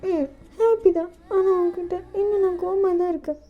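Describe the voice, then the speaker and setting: A woman's voice: very high voice, a little fast, voice pushed up. A woman voicing an anxious, clingy young man who pleads and sobs in a storybook romance. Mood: sulky hurt. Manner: sobbing, pleading, sulky. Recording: dull lo-fi with faint music.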